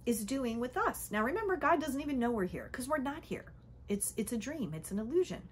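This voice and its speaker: Soft-spoken woman teaching, chatty check-ins. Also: medium pitch, a little hiss or hum. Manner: conversational, frequent "okay?" and "right?" check-ins; drops to a soft whisper at times. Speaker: spiritual teacher. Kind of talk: casual spiritual teaching talk.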